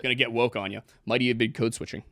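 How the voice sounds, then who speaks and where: A man in his twenties talks casually on a podcast, joking and riffing with quick asides. His voice sits at a middle pitch. The sound is dry and close with no room echo. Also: steady tone, pushed and bright. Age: 20s. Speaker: podcast co-host.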